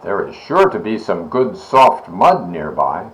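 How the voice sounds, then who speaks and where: A little storybook pig, acted out by a man, eager and easily startled. The voice swoops widely in pitch and takes its time, drawing out each exclamation. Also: big pitch swings, measured pace, a little hiss or hum, low-quality recording. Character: small young pig, plucky, mud-loving, easily startled.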